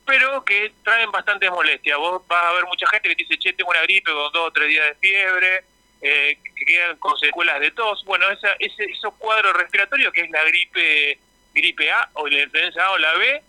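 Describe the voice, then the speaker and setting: A man's voice: high-pitched, moderate pace, pushed and bright, no echo, low-quality recording. A man with an Argentine Spanish accent, a health official explaining things in a radio interview. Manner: explanatory, informative.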